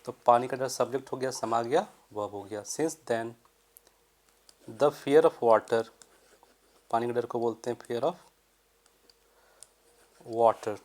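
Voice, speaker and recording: A man teaching English grammar in Hindi, explaining step by step, asking questions and answering them himself, and reading the example sentences slowly and deliberately. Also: medium pitch, darkish tone.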